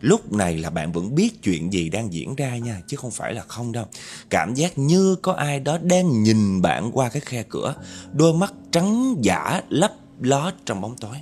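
A man's voice: medium pitch, a little mellow, a little hiss or hum. A man telling a spooky story dramatically and speaking directly to his listeners. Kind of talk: spoken horror storytelling.

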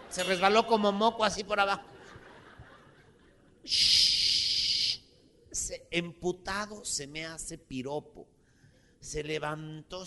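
Un humorista mexicano que cuenta un chiste largo en un espectáculo en vivo, con muchas groserías y energía. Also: male voice, sits high, a little hiss or hum. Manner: profane, rowdy, animated. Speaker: stand-up comedian. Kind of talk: crude live stand-up storytelling.

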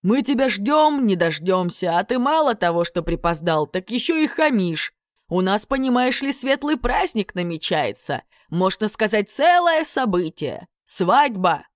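A woman's voice: mid-range voice, sing-song, a little slow, no echo, clean studio sound, pitched above the performer's own voice. A woman voicing a chatty, self-pitying two-headed male serpent who talks in a wheedling, overfamiliar way. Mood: fawning, reproachful.

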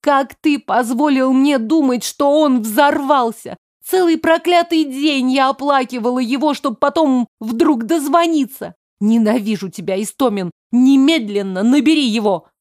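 A woman's voice: a little high, moderate pace, dry recording, studio quality, close to an everyday voice. A woman voicing a fierce, stubborn young heroine who speaks with emphatic force. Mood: angry. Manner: shouting, emphatic.

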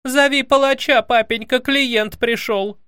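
Storybook casting: a petulant, weepy young princess, played by a man, raised pitch, whiny. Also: normal speed, no room sound, studio quality, natural voice. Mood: shrill. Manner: whiny and sobbing. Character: tearful, spoiled young princess, petulant and sharp.

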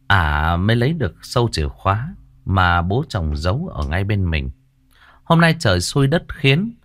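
A man narrating a ghost story in an expressive, dramatic storytelling manner. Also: deep voice, no echo.

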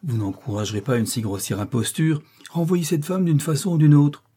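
A man's voice: on the high side, brisk, dark tone, husky, voice pushed up. A man voicing a fussy, fretful aristocratic mother in a storybook reading.

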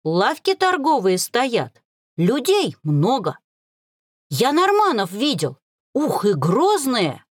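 Audiobook: eager chatty teen boy, raised and lively voice, woman narrator doing him, dry close read. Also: fairly high pitch, slow pace, no room sound, exaggerated voice.

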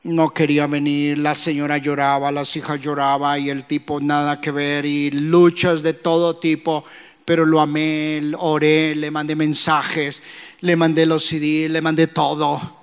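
A man's voice: on the high side, completely flat delivery, a little slow, clean tone. A man preaching a fervent sermon as pastor of a church, acting out the voices of people he quotes. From Colombia. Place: church sanctuary. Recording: long church hall reverb.

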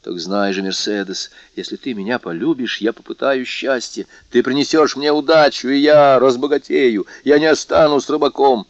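A man's voice: medium pitch, moderate pace, few pauses, no echo, voice pushed up, lightly acted. A man playing a jealous, pleading young fisherman. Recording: dull, dry audiobook recording.

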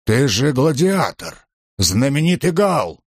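A man voicing a huge, slow-witted slave doorkeeper who speaks slowly and hesitantly. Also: medium pitch, very animated, slightly rough, dry recording, clean studio sound, voice pushed up, exaggerated voice. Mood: tense.

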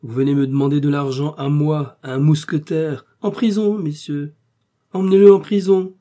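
A man voicing a bold young swordsman who gives orders in a raised, forceful voice. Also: medium pitch, lively intonation, moderate pace, breathy edge. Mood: commanding.

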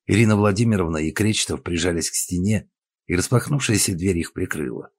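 Man, audiobook narration, very deep voice, husky, dry close sound. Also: fairly quick, no echo. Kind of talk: scripted narration.

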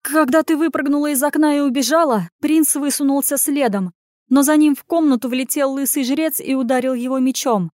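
A woman voicing a frightened young male tavern servant who stammers and yells in panic. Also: fairly high pitch, moderate pace, few pauses, no room sound, clean studio sound, lightly acted. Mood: breathless.

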